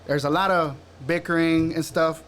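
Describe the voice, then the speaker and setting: A man's voice: fairly high pitch, steady tone, moderate pace, a bit bright. Laid-back podcast guy from El Salvador. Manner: laid-back, chatty, teasing. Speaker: podcast co-host. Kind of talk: casual sports chat.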